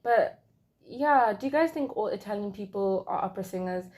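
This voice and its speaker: A woman's voice: mid-range voice, animated, moderate pace, a little mellow. A woman in her twenties chatting casually on her solo podcast, rambling along with lots of fillers while she crochets. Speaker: podcast host.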